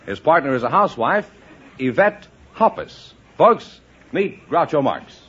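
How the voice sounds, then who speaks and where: Husky, lively vintage game show announcer. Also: male voice, on the high side, a little slow. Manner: polished, upbeat announcer delivery. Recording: lo-fi vintage broadcast recording with audience.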